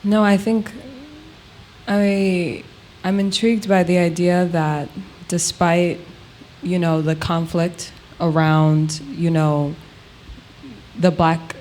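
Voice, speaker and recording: A woman's voice: deep voice, a little mellow, slight background noise. A woman interviewing in a thoughtful, conversational style, feeling her way tentatively through her phrasing.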